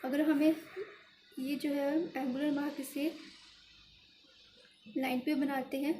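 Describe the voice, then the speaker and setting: A woman's voice: sits high, little pitch movement, slow, dark tone, slight background noise. A woman teaching a shorthand lesson, explaining each stroke step by step and repeating the result as she writes. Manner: methodical, repeats each step while writing.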